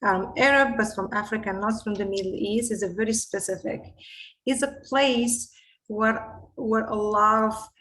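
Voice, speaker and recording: A woman's voice: mid-range voice, a bit bright, low-quality recording. A middle-aged woman gives a lecture over a video call. She speaks earnestly and often restarts her sentences. The sound comes through a webcam microphone in an indoor room. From Morocco. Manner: earnest, halting phrasing with frequent restarts. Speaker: invited lecturer, scientist. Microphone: video call webcam mic.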